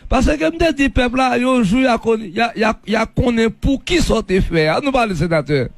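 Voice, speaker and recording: A man, interviewing and reacting with quick interjections. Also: extremely high pitch, expressive, vocal fry, dry recording.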